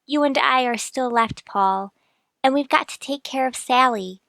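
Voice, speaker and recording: A woman plays a devoted wife and mother in an old-time radio drama. She speaks very slowly and tenderly, with earnest worry, close and dry on the recording. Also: sits high, creaky, a bit bright, no room sound, exaggerated voice. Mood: tender reassurance.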